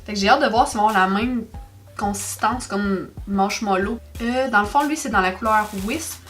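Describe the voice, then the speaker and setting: A young woman with a Québécois French accent, chatting excitedly through a makeup haul in a casual vlog. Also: medium pitch, moderate pace, faint music behind. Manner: chatty, excitable, exclaims over products. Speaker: beauty vlogger.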